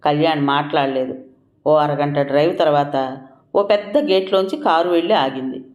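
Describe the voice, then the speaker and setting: A narrator telling a scripted audio story at mid pitch, steady and expressive. The reading echoes around a roomy space. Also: moderate pace, dull audio. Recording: roomy echoing room.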